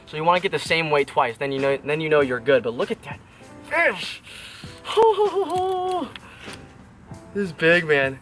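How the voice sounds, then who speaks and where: A young man fishing at a pond outdoors, talking casually to his viewers on an action camera, excitable and quick to exclaim while sweating in the heat. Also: fairly high pitch, faint music behind. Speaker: fishing vlogger. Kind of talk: casual vlog talk to camera.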